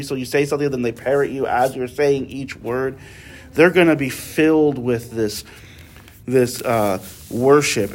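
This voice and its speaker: A man leading a casual Bible study, talking conversationally and often checking in with his listeners with tag questions. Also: medium pitch.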